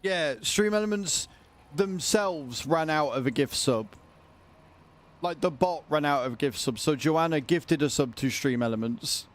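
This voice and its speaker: A man's voice: fairly high pitch, a little slow. A man livestreaming a video game, chatting casually and informally with his viewers. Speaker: livestreamer, gamer.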